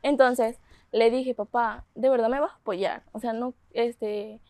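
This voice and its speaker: Young Mexican woman, lively storytelling. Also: on the high side, a little slow, dry recording. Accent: Mexican Spanish. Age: 20s. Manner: animated retelling with quoted dialogue, laughing often. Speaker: pageant contestant. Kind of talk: interview, storytelling.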